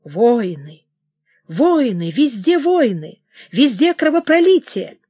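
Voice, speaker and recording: A woman reading the part of a furious, unhinged young king who shouts in hysterical outbursts. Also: fairly high pitch, sing-song, slow, breathy edge, no echo, studio quality, full character voice. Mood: raging.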